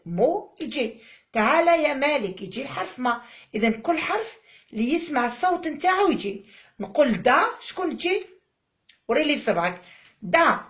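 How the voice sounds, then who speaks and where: Animated Algerian woman teaching phonics. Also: fairly high pitch. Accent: Algerian Arabic. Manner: drawn-out syllables, coaxing and praising. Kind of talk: phonics lesson for young children.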